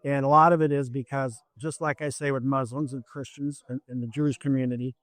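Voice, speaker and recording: A man's voice: medium pitch, flat delivery, fairly quick, a bit bright, dry recording. A man running for office, talking in an interview in an emphatic, lecturing way, repeating his points. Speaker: political candidate. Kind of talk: campaign interview.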